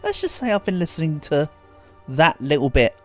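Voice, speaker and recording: A man with a slightly high voice and big swings in pitch talks at a moderate pace over faint music. He's streaming a video game, chatting casually and rambling in a self-deprecating way, and he sounds a bit congested, like a cold is coming on.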